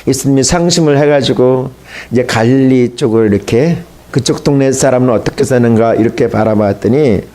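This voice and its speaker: A man's voice: medium pitch, fairly quick, warm tone. A man pastor preaching a sermon, telling a story in a colloquial way and addressing the congregation.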